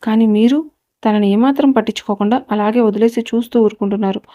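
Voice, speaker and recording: A woman's voice: fairly high pitch, fairly even intonation, quick pace, dry recording, natural voice. A woman reading the lines of a domineering young man who speaks coldly and makes threats, in a Telugu audio story. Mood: stern. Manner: cold, commanding and quietly threatening.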